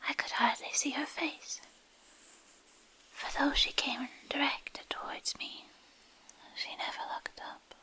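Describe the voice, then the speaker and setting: Reading a literary fantasy story for ASMR, a woman keeps her high voice steady in a hushed, breathy whisper, with pauses separating short phrases. The sound is intimate, taken close on a binaural microphone from ear to ear.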